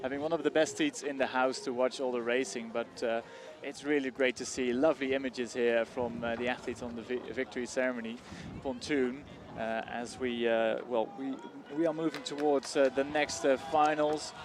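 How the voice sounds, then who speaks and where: A man calling a rowing race live as a commentator, with hesitant phrasing full of small pauses. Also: medium pitch, steady tone. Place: outdoor regatta commentary spot beside the grandstand. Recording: crowd noise behind. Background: crowd.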